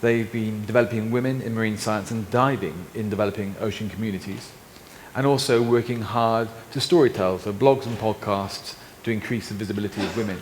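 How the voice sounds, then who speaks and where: Low-voiced male panel moderator in a hall. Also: brisk. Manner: relaxed, with fillers, relays comments and hands over questions. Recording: reverberant hall with faint noise.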